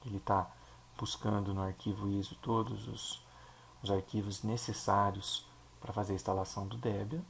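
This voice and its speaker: A man with a Brazilian Portuguese accent, a teacher explaining a software installation step by step and checking in with his listeners. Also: on the low side, little pitch movement, moderate pace, creaky, noisy background. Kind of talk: screen-recorded software tutorial.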